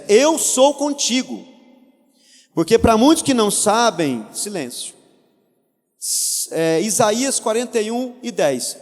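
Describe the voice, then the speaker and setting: Male pastor, high and very expressive, hushed-to-soaring sermon, long hall reverb. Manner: swings from hushed to soaring, preaching emotionally.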